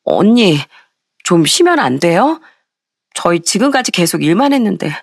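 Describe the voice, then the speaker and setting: A woman's voice: medium pitch, sing-song, normal speed, gravelly, no echo, clean studio sound. A woman narrator voicing a whiny, spoiled young sister-in-law who pleads and complains in a raised voice.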